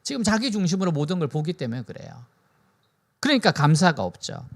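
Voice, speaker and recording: Lively high-voiced male pastor preaching. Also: fairly quick. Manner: animated preaching, frequent rhetorical questions to listeners. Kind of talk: sermon.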